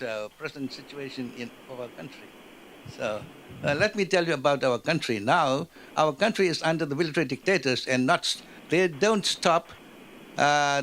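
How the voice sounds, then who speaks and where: Halting man making a statement. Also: fairly high pitch, fairly bright tone, slight background noise, poor audio. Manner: halting, repetitive, with frequent fillers. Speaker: audience member giving a statement. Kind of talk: impassioned public comment. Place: conference room.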